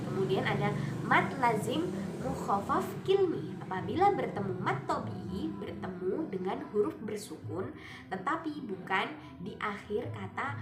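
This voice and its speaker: A woman, a student, explaining recitation rules step by step and drawing out the example words slowly. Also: medium pitch. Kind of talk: recited tajwid lesson with Quran examples. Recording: echoey room, faint music behind.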